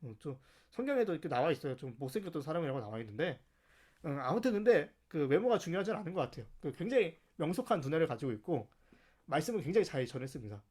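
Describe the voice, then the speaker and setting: High-voiced man teaching a church class. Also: fast talker, slightly rough. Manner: animated, storytelling, explains with rhetorical questions. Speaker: mission training teacher. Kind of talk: church lecture.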